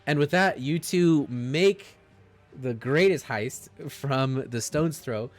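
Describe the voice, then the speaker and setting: A man narrating as game master of a tabletop game, relaxed and often chuckling between ums. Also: mid-range voice, slow, soft background music.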